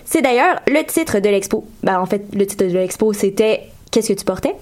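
A woman hosting a casual radio chat, playful and quick to make sarcastic asides. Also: medium pitch, lively intonation, a little mellow. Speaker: radio show host.

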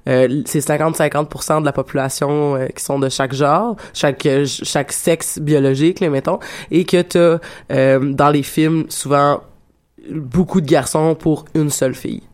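A man with a Quebec French accent, hosting a casual film discussion podcast and talking haltingly with many restarts and repeated words. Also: on the high side, steady tone. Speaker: podcast host.

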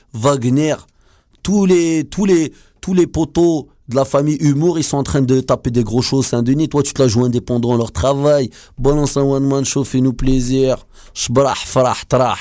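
A man's voice: mid-range voice, warm tone, no echo, clean studio sound. A man hosting a radio show in loose, slangy, rambling chat, hiccuping now and then. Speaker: radio host.

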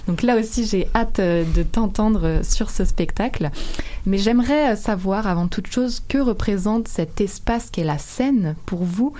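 A woman's voice: medium pitch, unhurried, mellow. A woman hosting an interview in a conversational way, gathering her thoughts aloud as she goes. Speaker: interview host.

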